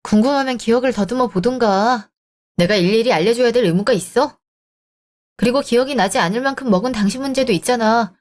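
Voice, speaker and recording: A woman narrating a radio drama and playing an angry wife, with a sharp, reproachful way of talking. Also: fairly high pitch, a little fast. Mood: sarcastic. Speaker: story narrator voicing a wife. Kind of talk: Korean radio drama acting.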